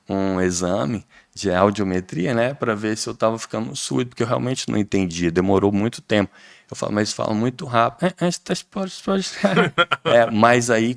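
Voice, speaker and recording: A middle-aged man with a Brazilian Portuguese accent, an English teacher guest explaining things in a lively, demonstrative way, often saying "né". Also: fairly low pitch. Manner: lively, demonstrative, repeats "né", acts out pronunciations. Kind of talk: casual explanatory interview talk.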